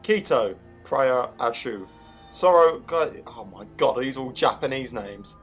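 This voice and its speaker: A man's voice: mid-range voice, a little slow, a bit bright, slightly rough, faint music behind. A man reading a story aloud to friends, exasperated, swearing and stumbling over the names. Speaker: reader of the story. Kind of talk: casual comedic read-along.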